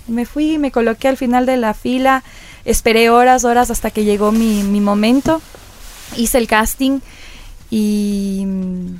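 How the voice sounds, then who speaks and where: A woman radio presenter in her thirties telling her story in a casual interview, acting out the dialogue she recalls. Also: vocal fry. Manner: lively, acts out quoted dialogue with rising pitch.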